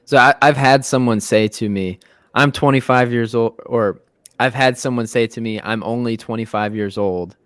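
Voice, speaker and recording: A man's voice: mid-range voice, normal speed, clear, resonant tone, no room sound, studio quality. A twenty-two-year-old man hosting a casual podcast interview, talking conversationally with repeated words, "you know," and "bro.". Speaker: podcast host.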